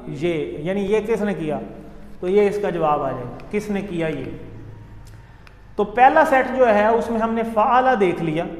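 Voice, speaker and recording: Male teacher, high voice, patient step-by-step explainer leading chanted drills, echoey hall. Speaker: Arabic grammar teacher. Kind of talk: classroom lesson with recitation drills.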